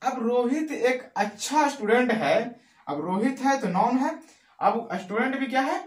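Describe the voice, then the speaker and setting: A man gives a classroom-style grammar lesson, going over each phrase slowly and answering his own questions. His voice sits high. The room is echoey. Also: animated. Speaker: English grammar teacher.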